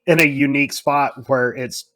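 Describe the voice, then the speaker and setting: A man co-hosts a podcast, chatting casually and voicing strong opinions in colloquial, emphatic language. His voice is medium-pitched and fairly bright, with fairly even intonation at a moderate pace.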